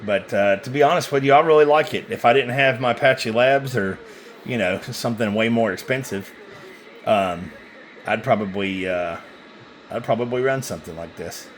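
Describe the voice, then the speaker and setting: A man with a mid-range voice speaks at a normal speed as he casually shows off used radio gear he's selling. The demo is unscripted, and he rambles hesitantly, often correcting himself. It was recorded on a handheld phone, with background noise clearly audible.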